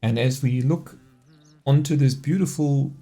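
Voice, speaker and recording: Mellow-voiced man narrating with wry humor. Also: medium pitch, measured pace, faint music behind. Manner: wry, joking, relaxed delivery. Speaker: gameplay video host. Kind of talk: playful storytelling narration and casual gameplay commentary.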